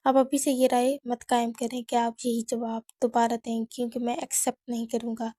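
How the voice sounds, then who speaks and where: A playful, persistent young suitor, voiced by a woman narrator teases with easy confidence. The voice is mellow and fairly flat, recorded close and dry. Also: a little high, normal speed, dry recording, lightly acted. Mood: teasing. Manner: teasing, self-assured. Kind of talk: audiobook character reading.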